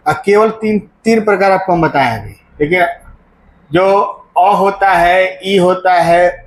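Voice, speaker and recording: Teaching grammar in an echoey classroom, this man has a high, fairly bright voice. He asks his students questions, frequently supplies the answers himself, and keeps going back over the key terms.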